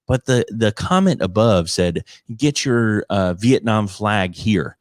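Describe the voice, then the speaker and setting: A man's voice: on the low side, animated, slow pace, no room sound, clean studio sound. A man who works as a comedian, ranting casually in an exasperated, emphatic way and often repeating himself. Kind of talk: casual conversational rant.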